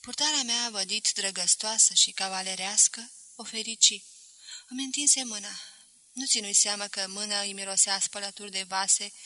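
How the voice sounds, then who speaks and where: A woman narrating a novel as an audiobook reader, in a measured, expressive way. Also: medium pitch, no echo, poor audio. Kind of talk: scripted narration.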